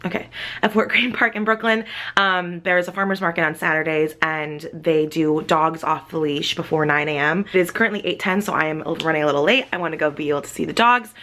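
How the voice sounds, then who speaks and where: A woman's voice: deep voice, fairly quick, sharp tone. A young woman in her twenties chatting bubbly and gushing to her camera while out in the city. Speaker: vlogger. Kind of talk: casual vlog chat. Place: outdoors in a city park and streets. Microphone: handheld compact camera.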